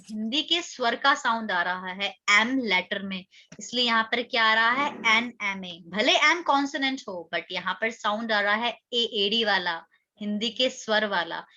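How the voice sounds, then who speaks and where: A woman's voice: a little high, sharp tone, dull audio. A woman teaching an English grammar lesson, questioning her students and repeating their answers.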